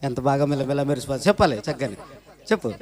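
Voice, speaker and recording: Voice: medium pitch, lively intonation, racing, darkish tone. An adult Sabbath school teacher emceeing a church children's program, encouraging the children and calling for applause.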